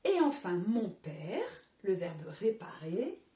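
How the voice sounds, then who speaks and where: A woman's voice: mid-range voice, very animated, slow, warm tone. Patient French woman teacher, echoey room. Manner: patient, clear, spells out word endings letter by letter. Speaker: primary school teacher. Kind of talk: recorded remote lesson for young children. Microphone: camera some distance away.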